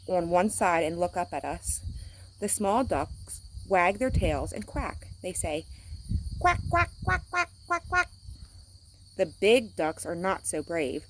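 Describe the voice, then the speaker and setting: A woman teacher reading a children's picture book aloud in a gentle, clear manner. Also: on the low side. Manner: gentle, clear, playful animal sounds. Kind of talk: children's storybook read-aloud.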